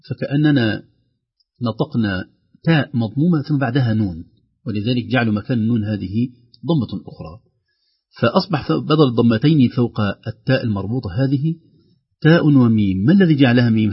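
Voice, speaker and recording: A man teaching Quran recitation on a radio lesson, explaining calmly and slowly chanting verse examples. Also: medium pitch, breathy edge, lo-fi sound.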